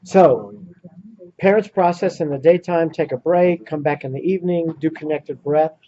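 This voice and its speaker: A man leading a workshop, telling a story to a small audience in an earnest, animated way. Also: fairly high pitch, moderate pace. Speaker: workshop leader. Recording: muffled lo-fi recording.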